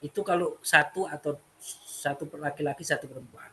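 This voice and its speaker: Man, Arabic teacher, patient repeating explanations, high bright voice. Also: fairly quick, slight background noise. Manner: explains step by step, repeats phrases. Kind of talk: classroom lesson.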